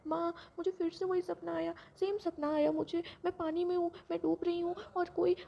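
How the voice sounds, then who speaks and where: A woman's voice: a little high, fast, vocal fry, breathy edge. A woman voicing a pampered young woman of twenty-two who pleads and whines with her family, on a dull lo-fi recording. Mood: sobbing.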